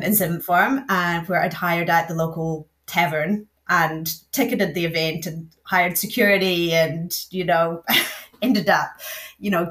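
A woman's voice: on the low side, fairly bright tone. A middle-aged woman with a Scottish accent, chatting easily and telling stories as a guest in a podcast interview. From north of Scotland. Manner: chatty, storytelling, laughs easily. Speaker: guest, events association general manager.

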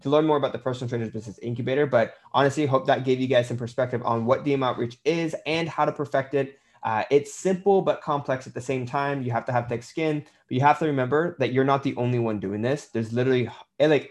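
A man's voice: medium pitch, fast, hardly any pauses. A man coaching personal trainers on their business in a blunt, conversational way, with the odd swear word. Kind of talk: casual instructional talk.

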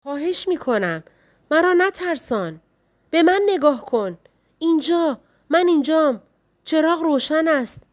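A woman reading a storybook, voicing an anxious young wife who pleads and fires quick questions. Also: sits high, very animated, a little mellow.

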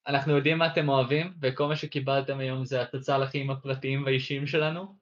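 Young guy podcast co-host, mid pitch, just chatting, mic sounds kinda muffled. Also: flat delivery. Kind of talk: casual chat. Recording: dull, band-limited microphone sound.

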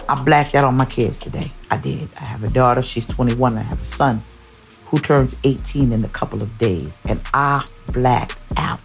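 A woman in her forties, a pastor hosting a podcast, telling family stories in a casual, animated way. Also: very deep voice. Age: 40s. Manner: animated, acts out family scenes with exclamations.

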